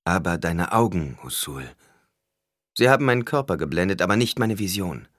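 A man voicing a blinded young ruler who speaks in a calm, measured, authoritative way. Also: low voice, no room sound, clean studio sound.

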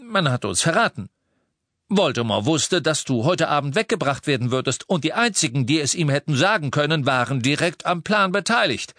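A man voicing a tense grown wizard who speaks in sharp, clipped questions. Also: fairly high pitch, big pitch swings, normal speed, no room sound, studio quality, pitched above the performer's own voice, heavily acted. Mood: urgent, stern.

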